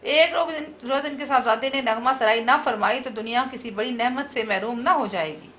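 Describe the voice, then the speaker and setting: A woman's voice: on the high side, normal speed, fairly bright tone, slight background noise, natural voice. A woman reading aloud the lines of an irritable, sick middle-aged husband who groans and complains. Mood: peevish.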